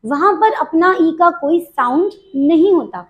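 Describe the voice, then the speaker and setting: Slow, lively-voiced woman English teacher. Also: extremely high pitch. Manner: slow, explains step by step, repeats words for drill; mixes Hindi and English, addresses students directly. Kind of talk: pronunciation lesson.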